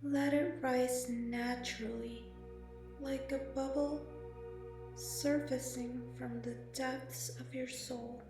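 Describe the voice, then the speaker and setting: A woman speaking slowly and softly with long pauses, guiding a meditation. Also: high voice, little pitch movement. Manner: slow, soft and soothing, with long pauses. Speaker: meditation guide. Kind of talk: guided meditation narration. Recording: very echoey, slightly distant, music behind. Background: meditation music and singing bowl.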